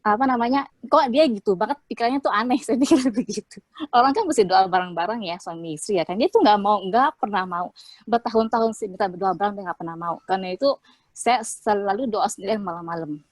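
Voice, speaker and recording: A woman's voice: mid-range voice, fast, dry recording. A young woman telling her faith testimony in a chatty, heartfelt way, with plenty of fillers. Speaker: interviewee sharing a faith testimony. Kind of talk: casual testimony.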